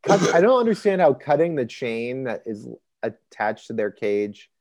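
A man's voice: mid-range voice, moderate pace, no echo. A man co-hosting a podcast, chatting casually and acting out lines he quotes. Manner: animated, acts out quotes. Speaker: podcast co-host. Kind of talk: casual chat.

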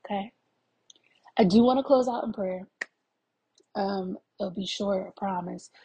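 Podcast host, woman, fervent prayer cadence, warm dark tone, raspy edge. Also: medium pitch, a little slow, lo-fi sound. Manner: emotional, affectionate. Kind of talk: closing prayer and heartfelt sign-off.

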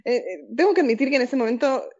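On a lo-fi recording, a woman talks rapid-fire in a high, darkish voice with a Rioplatense Argentine accent. Argentine-born and raised across several countries, she's an interview guest telling personal stories casually and with plenty of slang.

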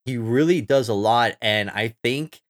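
A man's voice: medium pitch, unhurried. A man co-hosting a podcast in casual chat, rambling along with plenty of fillers. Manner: relaxed, rambling, lots of "like" and "um". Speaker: podcast co-host.

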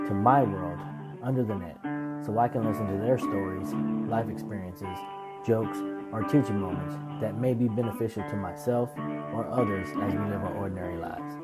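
A middle-aged man hosting a casual podcast interview, friendly and halting with many fillers. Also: fairly low pitch, over loud music. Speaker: podcast host.

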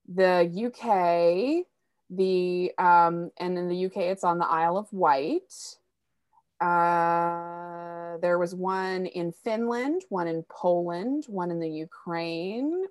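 A woman's voice: lowish voice, no room sound. Giggly rambling woman in her thirties. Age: 30s. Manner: giggly, rambling with many fillers. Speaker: podcast co-host. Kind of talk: casual chat. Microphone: home mic on video call.

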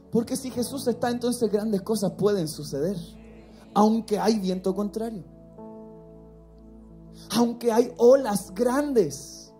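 Female preacher, high voice, sermon with congregation prompts, soft music behind. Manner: calls on the congregation to respond. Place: church.

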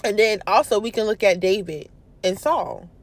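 A young woman hosting a casual devotional talk, stumbling over her words at times and growing animated as she preaches. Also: mid-range voice, moderate pace, no room sound. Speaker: prayer video host.

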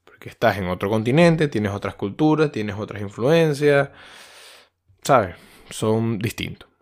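A man's voice: fairly low pitch, animated, a little slow, darkish tone. A man from Venezuela with a Venezuelan accent, hosting a podcast in a casual, rambling monologue full of fillers and restarts. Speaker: podcast host.

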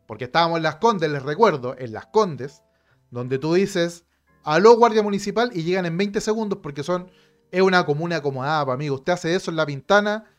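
A fired-up Chilean man in middle age tells his own story straight to camera, his fairly high voice jumping as he acts out both sides of the quarrel. Faint music plays under him. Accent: Chilean Spanish. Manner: animated, indignant, acts out quoted exchanges. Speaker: lawyer telling a personal story.

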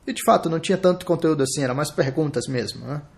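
A man with a Brazilian Portuguese accent hosting a live podcast, thinking aloud in a reflective, halting way. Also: on the high side, vocal fry, a little mellow. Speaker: podcast host.

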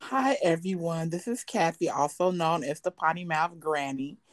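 Older female podcast guest, lowish register, casual and bluntly opinionated delivery. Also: normal speed, no echo, clean studio sound. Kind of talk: casual chat.

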